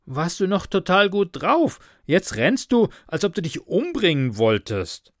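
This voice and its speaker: A brash young man talks in a raised, loud, bantering way, his voice pitched above the narrator's own. He is a friend who jokes one moment and worries the next, as a male narrator puts him on for a read-aloud story. The sound is close and dry. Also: big pitch swings, unhurried, no room sound. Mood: worried.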